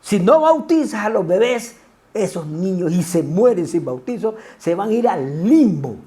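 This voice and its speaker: A pastor preaching a sermon, animated and full of rhetorical asides to the congregation. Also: male voice, sits high, unhurried.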